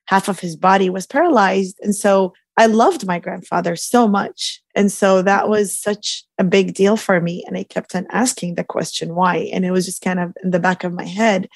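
A woman in her late thirties, from Iraq, speaking as a podcast guest, reflective and unhurried, with fillers. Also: medium pitch, steady tone, vocal fry, no room sound. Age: 30s. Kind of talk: casual interview talk.

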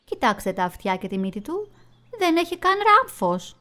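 A woman's voice: mid-range voice, very animated, sharp tone. A woman voicing a know-it-all male woodpecker, emphatic and correcting the others. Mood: scornful.

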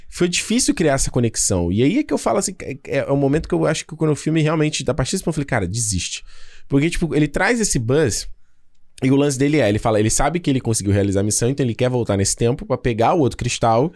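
A man chatting casually about films, animated and loose, swearing freely and restarting his sentences. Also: mid-range voice, very fast. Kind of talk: casual film discussion.

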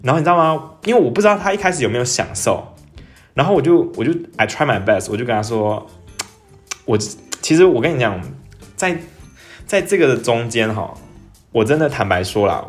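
Young guy telling a story on his podcast, gets all excited and jumps up high, mixes in english, soft music under it. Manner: animated, jumps up in pitch when excited, mixes in English phrases. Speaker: podcast host. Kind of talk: casual storytelling monologue.

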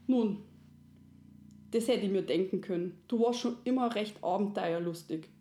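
A woman's voice: mid-range voice, normal speed, dark tone, close to an everyday voice. A woman voicing a kindly, wise creator woman, soothing and folksy. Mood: gentle. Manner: soothing, folksy, fond of dialect fillers. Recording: roomy echo.

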